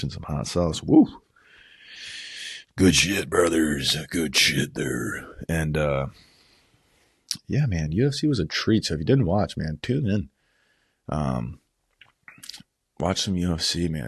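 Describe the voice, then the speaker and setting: Very deep-voiced man ranting casually, bro. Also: slightly rough, no room sound, clean studio sound. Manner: profane, rambling, says bro and man constantly. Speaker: combat sports vlogger. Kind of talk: casual unscripted recap. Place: at home.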